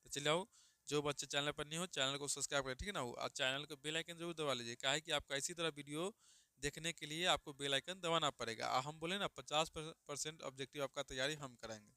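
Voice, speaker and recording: Bright crisp teacher man. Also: a little high, fairly even intonation, fairly quick, no echo. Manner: repeats questions and answers for students, stretches vowels aloud; calls listeners "babu" affectionately. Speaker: Hindi grammar teacher. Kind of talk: online exam-prep lesson.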